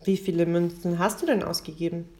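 A woman voicing a calm, gently firm mother in a storybook reading. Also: fairly low pitch, fairly quick, close to an everyday voice. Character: patient, firm widowed mother.

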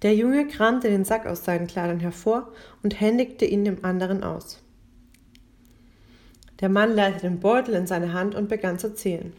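A woman reading a story aloud in a steady, measured way. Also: mid-range voice.

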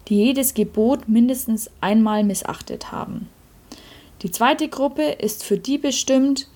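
A fussy old saint who guards heaven's gate, put on by a woman reading a storybook. He announces orders briskly in a raised voice that stays dark and slightly husky. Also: a little high.

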